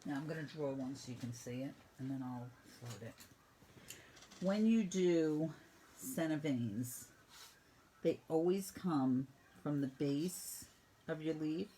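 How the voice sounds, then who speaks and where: A woman painting instructor walking students through each brush stroke in a brisk, teasing teaching manner. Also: deep voice, warm tone, slight background noise, low-quality recording. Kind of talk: step-by-step painting lesson.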